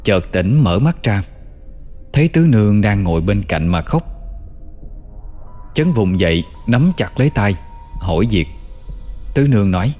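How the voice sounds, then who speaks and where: Male storyteller, low calm voice, long reverb, soft music behind. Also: unhurried, pauses often. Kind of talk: storytelling narration.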